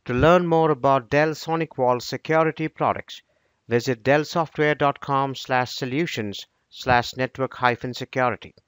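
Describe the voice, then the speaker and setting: A man delivers scripted tutorial narration in a steady, instructional manner. His voice sits at an ordinary middle pitch. The recording is close and dry, with no room sound. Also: normal speed, clean tone, no room sound.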